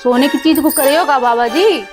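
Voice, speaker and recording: A woman's voice: high voice, moderate pace, over music, lightly acted. A woman playing a blunt, sceptical village housewife in a comedy sketch, speaking rural north Indian Hindi dialect. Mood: questioning. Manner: blunt, questioning.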